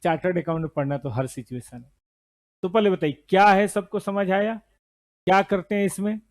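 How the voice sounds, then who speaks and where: A middle-aged man teaching an accounting lesson to a classroom of students, lively and scolding now and then. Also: high voice, normal speed. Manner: lively, scolding students, mixes Hindi and English terms. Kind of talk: classroom lecture.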